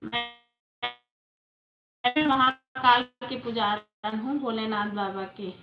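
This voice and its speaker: A woman's voice: fairly high pitch, steady tone, takes it slowly, soft background music. A woman with an Awadhi Hindi accent hosting a live stream from home, chatting casually with viewers and answering their comments. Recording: roomy lo-fi phone audio.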